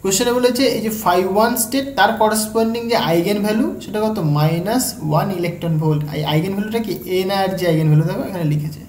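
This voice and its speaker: Bengali accent woman tutor, goes slow step by step, keeps asking "right?", echoey room w a bit of hum. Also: mid-range voice, a little mellow. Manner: explains slowly step by step, checks in with "right?". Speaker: physics tutor. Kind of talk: exam-prep lecture.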